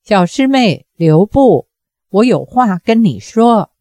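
A woman's voice: medium pitch, sing-song, slow, mellow, no room sound. A woman reading as a stammering young swordsman. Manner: stammering, pleading. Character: young swordsman, senior disciple, anxious and stammering.

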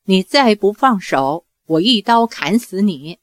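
A woman reading aloud voices a hot-tempered young swordswoman who scolds and barks sharp commands. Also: medium pitch, expressive, unhurried, dry recording, clean studio sound, natural voice. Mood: angry.

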